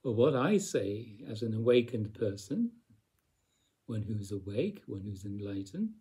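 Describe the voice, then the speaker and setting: A man giving a slow, reflective spiritual talk, speaking deliberately with long pauses and repeated phrases. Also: fairly low pitch, very animated, mellow, husky. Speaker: spiritual teacher.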